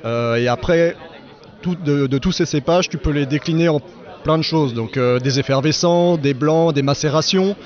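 A young man from Normandy who works in a vineyard, chatting easily in an outdoor festival interview. His voice sits a little high, and the recording is muffled and lo-fi. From Normandy, France. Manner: relaxed and chatty, quick to laugh. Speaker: vineyard worker.

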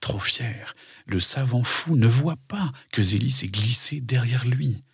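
A man's voice: mid-range voice, animated, a little slow, gravelly, slightly rough, no echo, clean studio sound. A man narrating a scripted dramatic story for children.

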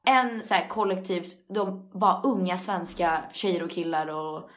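A young woman in casual chat, lively and laughing easily, mixing Swedish with English phrases. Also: lowish voice.

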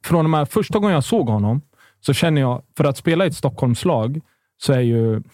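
Dark-voiced man rambling about football. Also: mid-range voice, lively intonation, no echo, studio quality. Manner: emphatic, rambling with many restarts. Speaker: football pundit. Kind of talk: casual podcast chat.

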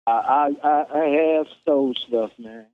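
A man's voice: on the high side, a little slow, dry recording, phone-quality sound. A man in his sixties from Kansas City, Missouri, talking on a prison payphone call, plain-spoken, often restarting words and adding "man.". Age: 60s. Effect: prison payphone call line. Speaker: incarcerated interviewee. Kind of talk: casual phone interview.

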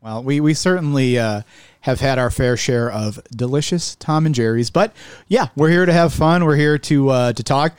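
A man's voice: medium pitch, normal speed, smooth, no echo. A man with a slightly nasal voice hosting a casual comedic podcast, upbeat and jokey. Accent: Buffalo, New York. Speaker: podcast host.

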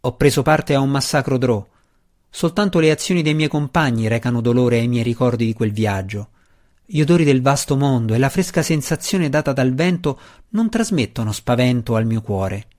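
A man doing a calm, resolute dark elf. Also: mid-range voice, moderate pace, close to an everyday voice. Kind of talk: audiobook character reading.

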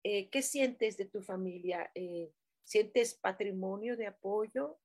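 A woman's voice: medium pitch, takes it slowly. A woman with a Mexican accent hosting a live stream, reading viewers' comments aloud and giving them affectionate, rambling spiritual messages with many fillers. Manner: warm, chatty, many fillers, affectionate terms. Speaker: livestream host giving angel messages. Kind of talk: casual live-chat reading.

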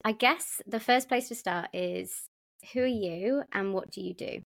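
A woman's voice: mid-range voice, a little slow, creaky, dry recording, clean studio sound. A woman hosting a self-development podcast, reading a scripted guest introduction and then chatting. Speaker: podcast host. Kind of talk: podcast interview.

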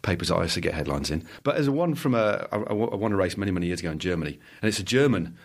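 A man's voice: sits low, animated, very fast. A man who works as a cycling commentator, a guest in a casual podcast chat, talking in a chatty, enthusiastic way.

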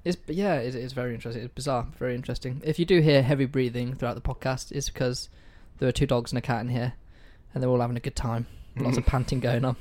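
This podcast host's mid-range voice is a little mellow, with fairly even intonation, and he talks fast with hardly any pauses. Recording a casual history show at home on a poor mic, among pets and food on the table, he jokes about himself and swears casually from time to time.

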